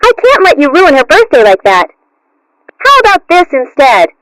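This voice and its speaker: Very squeaky, childish clown kitten. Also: female voice, huge pitch swings, moderate pace, a bit bright, no echo, full character voice, rough recording. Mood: friendly, earnest. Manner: bubbly children's-show presenter patter. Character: childish, cheerful female clown kitten party entertainer. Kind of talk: cartoon character acting.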